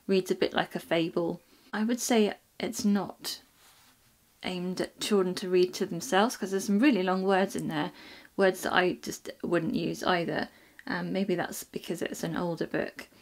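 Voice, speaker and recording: A woman's voice: on the low side, fairly even intonation, moderate pace. A woman talking casually about books she has read, with frequent ums and restarts. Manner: chatty, many ums and restarts. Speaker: book reviewer. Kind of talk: casual book review vlog.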